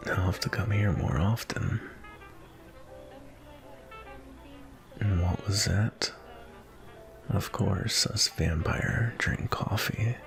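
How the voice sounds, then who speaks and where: Sebastian, a deep, gravelly vampire acted by a man. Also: in a whisper, soft background music, heavily acted. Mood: courteous, relaxed. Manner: polite, unhurried, flirtatious. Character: suave, courteous, centuries-old male vampire on a date. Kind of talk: ASMR roleplay, intimate and softly spoken.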